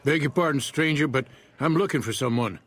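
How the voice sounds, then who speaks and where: Husky, folksy rancher father. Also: on the high side, brisk, fairly bright tone. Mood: worried, gruff. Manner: folksy, plain-spoken. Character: gruff, worried male rancher father in a western wasteland. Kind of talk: video game character dialogue.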